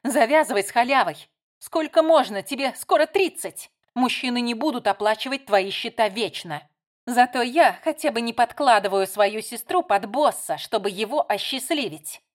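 Audiobook: woman voicing a loud, defensive young assistant. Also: mid-range voice, expressive, moderate pace, close to an everyday voice. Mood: angry. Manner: earnest then sharp and snapping.

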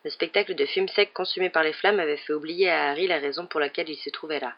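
A man's voice: steady tone, quick pace. Man reading a story, lo-fi sound. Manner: reads all the characters with raised pitch for quoted lines. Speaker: audiobook reader. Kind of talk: scripted narration. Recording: dull lo-fi recording.

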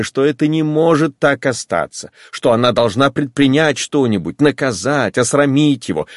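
A man's voice: medium pitch, dry recording, clean studio sound. A man narrating a classic novel as an audiobook, reading with feeling.

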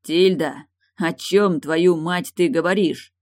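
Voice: medium pitch, brisk, dry recording, lightly acted. An angry, wounded young man who throws old grudges back at her, voiced by an audiobook reader. His lines are raised slightly and pushed hard. The sound is dry, with no room around it. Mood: shouting. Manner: resentful, shouting. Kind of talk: audiobook character voice.

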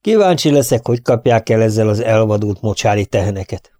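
A man voicing a small, eager elderly English lord who talks in high, excitable exclamations. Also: no room sound, clean studio sound, natural voice. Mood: excited.

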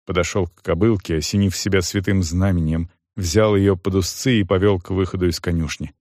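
A man reading a fantasy audiobook in a measured, expressive storytelling manner. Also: low voice, no room sound, studio quality. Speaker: audiobook narrator. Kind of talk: scripted audiobook narration.

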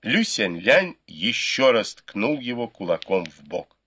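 A man reading a novel aloud in measured, scripted narration. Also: on the low side, very animated, pushed and bright, breathy edge. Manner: measured storytelling. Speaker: audiobook reader.

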